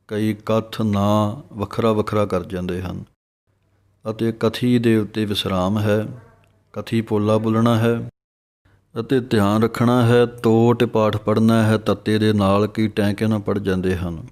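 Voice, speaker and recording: A man gives a pronunciation lesson in scripture chanting. He chants each verse slowly, then explains it more quickly. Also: fairly low pitch, flat delivery, darkish tone. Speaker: scripture recitation teacher.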